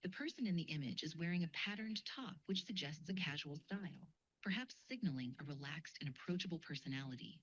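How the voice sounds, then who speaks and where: Cloned woman's voice as a measured AI hostess, formal and low-pitched, synthetic delivery, good for an interactive installation. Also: lively intonation, fairly bright tone, slightly rough, exaggerated voice. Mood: analytical. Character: polite female AI program hosting a futures game.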